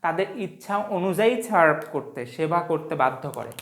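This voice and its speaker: A woman with a low voice takes the class through grammar one step at a time. She keeps putting questions to her students as she goes. Her voice rings around an echoey room. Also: expressive, brisk. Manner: explains step by step, often asks the class questions. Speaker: English teacher. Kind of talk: exam-prep grammar lesson.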